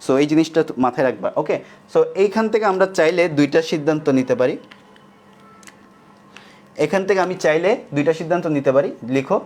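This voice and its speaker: A young man teaching an online class, speaking slowly and repeating each line so students can copy it, often asking a question and answering it himself. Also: on the high side, expressive, darkish tone. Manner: slow dictation, repeating lines and asking then answering his own questions.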